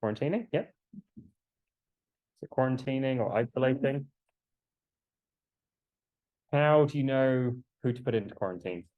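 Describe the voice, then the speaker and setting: A man lecturing to a class through a face mask while he has a cold, explaining in a halting way and putting questions to students. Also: mid-range voice, expressive, phone-quality sound.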